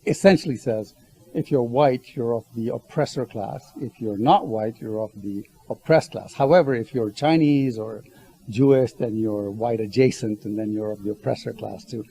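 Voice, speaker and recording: A man's voice: mid-range voice, moderate pace, vocal fry, warm tone, husky, poor audio. A man who grew up in Ghana, speaking as a guest on a panel discussion. He explains his points earnestly and often stops to correct himself.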